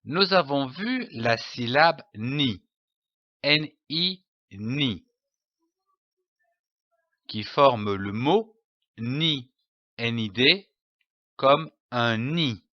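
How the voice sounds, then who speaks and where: A man with a French accent teaching reading to young children, spelling out letters and sounding out syllables slowly and carefully. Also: medium pitch, expressive, dry recording, muffled recording. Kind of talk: slow phonics lesson for young children.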